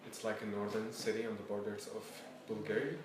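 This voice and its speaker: A young man in his early twenties from Syria, a student, answers interview questions hesitantly and with many fillers. His voice is lowish, his delivery flat and brisk. The recording was made in an echoey room with a distant mic and background noise.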